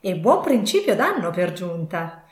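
A cheerful, patient young man, as a woman reader puts him on, pleading with good humour and rising brightly at times. The audiobook reading carries a roomy echo. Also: on the low side, sing-song, measured pace.

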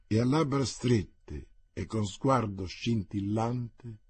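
A male audiobook narrator reads in a measured, even storytelling manner. His voice is dark and husky, recorded close and dry with no room sound. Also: on the low side, dry recording. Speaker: audiobook reader. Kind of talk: scripted novel narration.

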